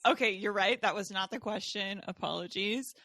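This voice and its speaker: A woman's voice: mid-range voice, moderate pace, sharp tone, dry recording, clean studio sound. A woman with a Texan accent co-hosting a podcast, riffing casually and laughing easily. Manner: laughs easily, riffs on tangents. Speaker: podcast co-host. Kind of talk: casual chat.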